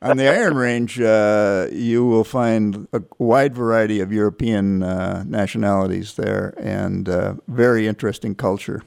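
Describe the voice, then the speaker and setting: A man hosting a local radio news interview, chatty and friendly, with lots of halting fillers. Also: fairly low pitch, steady tone, creaky, a little mellow, no room sound, studio quality.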